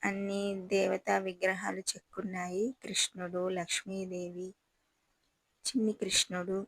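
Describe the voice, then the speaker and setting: Admiring woman vlogger, gravelly voice. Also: mid-range voice, flat delivery, normal speed, fairly bright tone, dry recording, poor audio. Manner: chatty and admiring, addresses viewers directly. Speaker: travel vlogger touring a palace. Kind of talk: casual guided tour narration.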